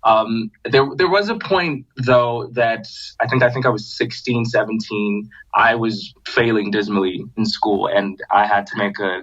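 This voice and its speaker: Young man from Zambia, low voice. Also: a little slow, few pauses. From Zambia, raised in Botswana. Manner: relaxed storytelling with many fillers. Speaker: guest singer-songwriter. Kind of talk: casual podcast chat. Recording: slightly dull lo-fi podcast audio.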